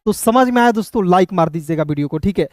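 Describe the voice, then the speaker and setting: High-voiced man teaching phonics slowly. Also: lively intonation, a little mellow, no room sound, clean studio sound. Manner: repeats "doston" and checks understanding often; slow, spelled-out letter-by-letter explanation. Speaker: English teacher. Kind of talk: spoken Hindi phonics lesson.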